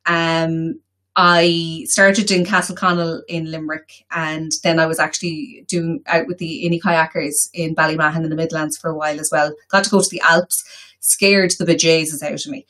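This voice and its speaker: An interview guest from Galway in the west of Ireland chats casually in her local accent, informal and colloquial. Her deep voice holds a level, fairly bright tone at a moderate pace.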